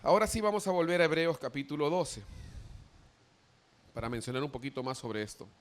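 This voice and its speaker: A male pastor preaching a sermon, animated, acting out quoted voices as he goes. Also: a little high, brisk.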